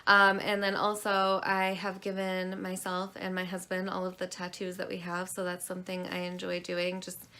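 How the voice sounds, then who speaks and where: A woman's voice: fairly low pitch, completely flat delivery, normal speed, hardly any pauses, bright, forceful tone. A woman in her twenties from Maine, chatting casually and rambling animatedly as a beauty vlogger. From Maine, USA. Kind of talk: casual chat.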